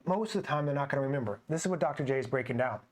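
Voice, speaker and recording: A man's voice: medium pitch, animated, rapid-fire. A man co-hosting a fitness podcast, telling stories from training clients in a conversational way. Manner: conversational, anecdotal, quotes clients. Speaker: podcast co-host, personal trainer. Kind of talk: casual podcast discussion.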